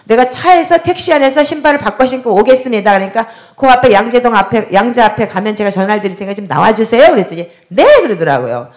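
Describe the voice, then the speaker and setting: A woman's voice: on the high side, expressive, fast talker, hardly any pauses. A middle-aged woman pastor telling a story from her pulpit, acting out the other people's voices as she goes. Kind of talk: testimony during a prayer service.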